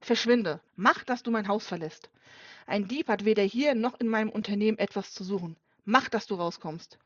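A woman's voice: mid-range voice, steady tone, a little fast, close to an everyday voice. Woman voicing a furious hissing rich father. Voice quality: hissing, harsh. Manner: loud angry outbursts. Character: furious wealthy middle-aged father, harsh and contemptuous. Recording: dull dry lo-fi recording.

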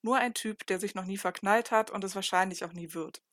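A woman's voice: medium pitch, a little fast, dry recording, studio quality, close to an everyday voice. A woman reading the lines of an anxious young man in an audiobook, stammering and flustered as he searches for words. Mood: searching. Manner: stammering, flustered, rising into excited bursts.

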